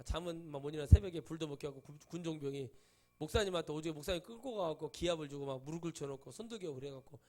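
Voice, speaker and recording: A middle-aged male pastor delivers a sermon in a high-pitched voice with a gravelly edge. He drives his points home with shouted peaks, then drops into quiet asides. He tells personal stories and acts out the other people's voices in them.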